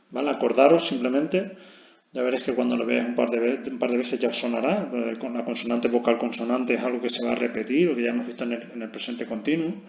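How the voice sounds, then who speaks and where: Guy teaching a video lesson, gravelly voice, keeps checking in every line, echoey muffled recording. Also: mid-range voice, a little mellow. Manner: explains step by step, constant "¿vale?" check-ins. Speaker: English teacher. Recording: dull, roomy lo-fi recording.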